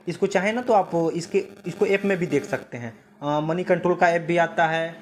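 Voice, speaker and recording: A man's voice: on the high side, a little mellow. A man teaching a screen-share tutorial, explaining step by step with frequent fillers, self-corrections and repeated reminders. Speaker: stock market educator.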